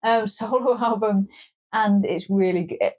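A woman's voice: mid-range voice, normal speed, darkish tone. Playful self-mocking woman podcast host. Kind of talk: casual chat.

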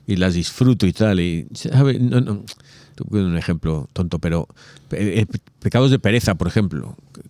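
A man's voice: low-pitched, no room sound. A man in a casual religious conversation, talking animatedly and acting out quoted voices. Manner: animated, acts out quoted voices, many asides.

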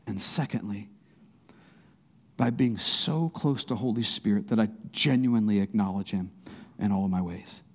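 This pastor's voice sits fairly low as he delivers his sermon conversationally. At times he surges into emphatic bursts; in prayerful stretches he falls nearly to a whisper.

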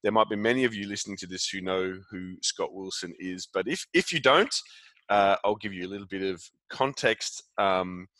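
A man hosting a podcast, chatting in a friendly, halting way with fillers and restarts. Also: low voice, bright, forceful tone, no room sound. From Australia. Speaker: podcast host. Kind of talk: casual podcast chat.

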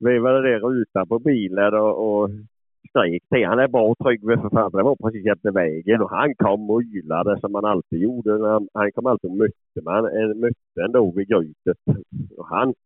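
Low-voiced man with a phone-like sound. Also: no echo. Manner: rambling, swears often, chuckles while telling. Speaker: dog owner and hunter. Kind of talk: casual storytelling. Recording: phone-like lo-fi, dry.

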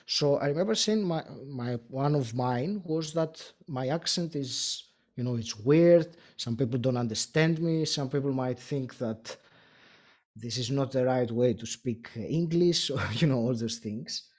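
A man from Greece, Greek his first language, speaking English with a Greek accent as a podcast interview guest, thoughtful with frequent pauses. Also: medium pitch, darkish tone. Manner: thoughtful, many filler pauses, laughs lightly. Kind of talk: casual interview.

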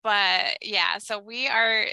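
A woman co-hosting a casual book chat podcast, chatty and quick to laugh, with a slight lisp from a cemented dental bridge. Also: medium pitch, creaky, pushed and bright, clean tone, no room sound, low-quality recording. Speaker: podcast co-host.

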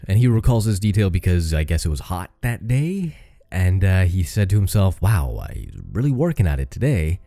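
A man's voice: sits low, warm tone, no room sound. A man hosting a true-crime podcast, reading out case notes in a casual way and breaking off for joking asides and the odd curse word. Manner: swears casually. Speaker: podcast host.

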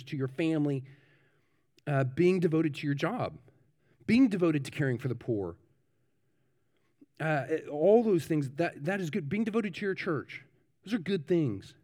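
A man's voice: a little high, animated, normal speed, darkish tone. A male pastor preaching a conversational sermon with informal asides, often restarting and repeating words.

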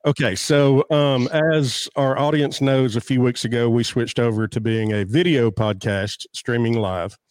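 Slow-talking man, easygoing. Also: medium pitch, fairly even intonation, a little mellow, no room sound. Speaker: podcast co-host. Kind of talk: casual chat.

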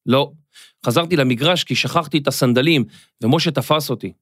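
A man voicing a frightened young schoolboy who speaks quietly and mumbles, in a children's audio story. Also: medium pitch, no room sound, clean studio sound, natural voice. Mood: scared.

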